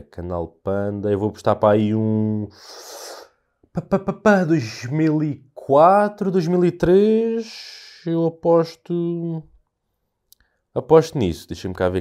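Young man, European Portuguese accent, solo podcast host, animated rant, warm mellow tone. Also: on the low side. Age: young adult. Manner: animated storyteller, ranting, swears freely. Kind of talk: casual solo podcast monologue.

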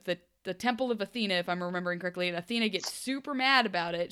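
A young woman co-hosting a podcast, recapping a TV episode in casual chat, animated and chatty with playful asides. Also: on the low side, clear, resonant tone. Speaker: podcast co-host.

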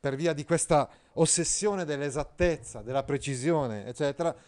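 A man's voice: on the high side, moderate pace, darkish tone, clear, resonant tone. A man reading a novel aloud and explaining it in a chatty, conversational way, often checking in with his listeners. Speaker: literature teacher.

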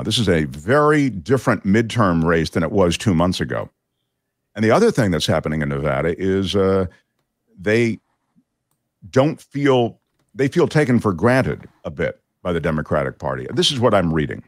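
Male talk show host, low voice, lively swings in pitch, dry close sound, rambling with ums. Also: no echo. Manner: chatty, digressive, many fillers. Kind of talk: casual political commentary.

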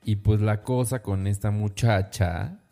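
A man's voice: lowish voice, fairly even intonation, a little slow, warm tone. A man trades banter as co-host of a gossip show. He reads tabloid headlines aloud in an easy, chatty way, with faint music playing behind him. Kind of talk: casual gossip chat.

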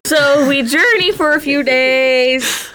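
Giggly high-voiced woman game master. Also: slow, pushed and bright. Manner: giggly, playful. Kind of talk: narrating a tabletop game.

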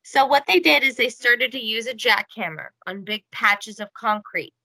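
A woman with a higher, bright voice tells a story in a casual chat. She talks in an animated way, with lots of "like" and "okay", and acts out the quotes. The recording is dry and close. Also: moderate pace, gravelly, no echo, low-quality recording. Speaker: podcast host.

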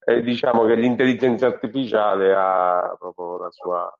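A man's voice: lowish voice, little pitch movement, normal speed. A man calling in over a Bluetooth earpiece with lo-fi audio, asking a question in a hesitant way with many fillers. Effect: lo-fi audio over a Bluetooth earpiece call. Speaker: caller joining the live discussion. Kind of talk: asking a question on a live stream. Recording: dull lo-fi call audio.

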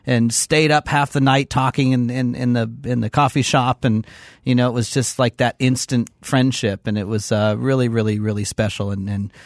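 A man as a radio show guest, speaking in a soft, heartfelt way. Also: mid-range voice, fairly even intonation, normal speed, dry recording, studio quality. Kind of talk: casual radio talk.

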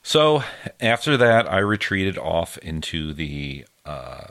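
Deep-voiced man chatting loosely. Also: big pitch swings, takes it slowly, a bit bright. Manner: rambling, trails off with many fillers. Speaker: podcast co-host. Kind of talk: casual chat.

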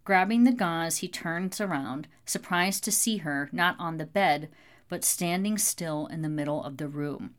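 A woman reading an audiobook in steady scripted narration. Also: on the low side, measured pace.

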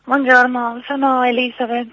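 A woman from outside Italy calls into a radio phone-in to give a spontaneous opinion, speaking with a foreign accent. Her voice is fairly high, level, pushed, and bright, at a moderate pace. The phone line sounds narrow and tinny.

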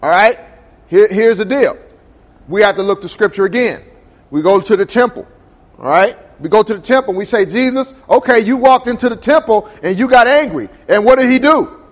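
A man's voice: high-pitched, lively intonation, normal speed, long reverb tail. A male pastor preaching a sermon in a call-and-response style, asking his congregation questions. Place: church sanctuary.

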